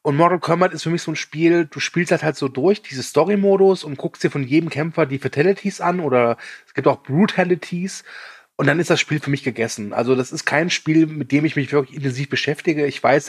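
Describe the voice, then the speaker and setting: A man's voice: a little high, breathy edge, no echo, clean studio sound. A man from Germany, a guest on a film podcast, chatting casually and self-deprecatingly about games and movies. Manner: chatty, self-deprecating, laughs while telling anecdotes. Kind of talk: casual chat.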